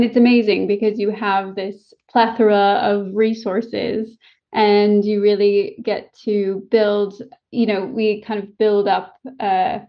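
This woman is an American voice and dialect coach whose accent carries a slight English flavor. Interviewed over a call, she sounds articulate, thoughtful and eager, her mid-range voice coming through lo-fi sound.

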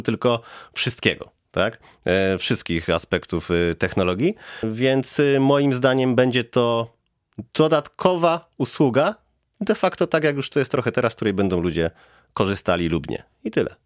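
A man as a podcast guest answering questions thoughtfully, pausing often with fillers. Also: mid-range voice, no room sound, studio quality. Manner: thoughtful, hesitant with many fillers. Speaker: guest, head of DevOps.

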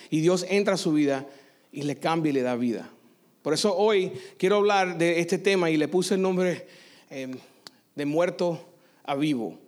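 A man pastor preaching a sermon, telling a personal story in an animated way and slipping into English phrases now and then. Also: a little high. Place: church service.

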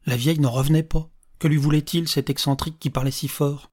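A narrator reading a story aloud in a calm, measured audiobook style. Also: medium pitch.

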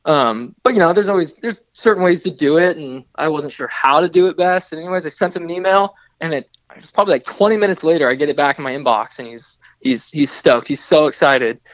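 A young man from the Pacific Northwest spins a chatty, rambling story as a radio guest, full of restarts and asides. His voice sits a bit high for a man. The sound is slightly dull and dry, with little room around it. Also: fast, hardly any pauses, no room sound. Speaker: guest, documentary photographer. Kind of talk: casual radio interview storytelling.

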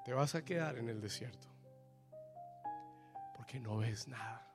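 A man's voice: medium pitch, unhurried, over music. A man preaching a fervent sermon as pastor, calling on the congregation to repeat after him and echoing his lines in English.

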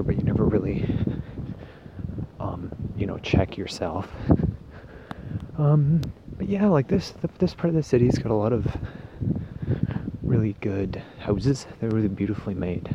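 A man in a casual, hesitant, meandering walk-and-talk monologue, laid-back, with slightly muffled, swollen-cheeked speech after wisdom teeth removal. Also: fairly low pitch. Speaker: solo podcast host. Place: outdoors walking on a residential street. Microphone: handheld phone. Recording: noisy outdoor phone recording, wind, passing cars.

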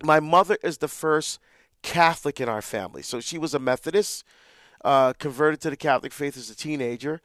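A man's voice: a little high, a little fast, no echo. Man from Barbados, radio host, earnest storytelling, dry studio sound. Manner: earnest, warm storytelling with frequent restarts. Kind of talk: live call-in radio talk.

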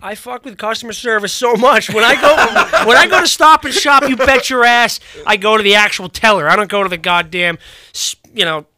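A man's voice: high-pitched, a little fast, background noise. A young man co-hosting a casual podcast chat, profane and laughing, often slipping into mocking voices. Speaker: podcast co-host.

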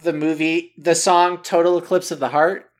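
A woman with a fairly low voice talks in a casual, bantering way. She trades jokes as if among friends. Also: level tone, moderate pace.

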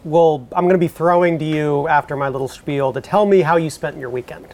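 A woman's voice: low-pitched, fairly quick, a little mellow. A woman running a tabletop role-playing game, chatting playfully and laughing often. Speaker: game master. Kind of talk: casual tabletop game chat.

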